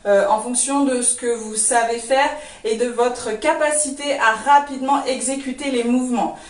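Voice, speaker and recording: High-voiced dance teacher counting steps. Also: female voice. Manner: counts steps and names moves while demonstrating; reassuring, often asks "d'accord?". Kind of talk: online belly dance class. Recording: roomy, far from the mic.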